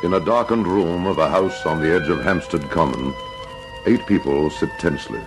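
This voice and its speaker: An actor narrating supernatural radio tales in a haunting, ominous, dramatic manner. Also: male voice, low-pitched, wildly swooping pitch, moderate pace, over loud music.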